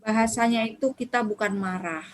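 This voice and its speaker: A woman's voice: on the high side, a little fast, rough recording. A woman giving a religious talk to parents, acting out the things parents say to their children. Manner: lively, acts out quoted dialogue with children. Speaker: parenting speaker.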